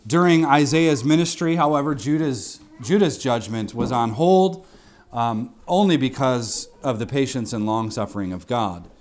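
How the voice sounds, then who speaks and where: A man's voice: mid-range voice, normal speed, darkish tone. A male preacher with a mid-range voice gives an expository sermon. He explains like a teacher, stressing and repeating important phrases. He poses rhetorical questions and adds asides to his listeners. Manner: emphatic, repeats key phrases.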